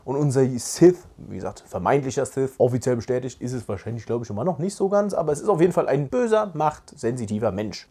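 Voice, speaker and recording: A man's voice: medium pitch, warm tone, slightly rough. A man hosting a casual video review from his couch, chatty and slangy, mixing in English words. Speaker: channel host reviewing a series. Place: sitting on a couch at home.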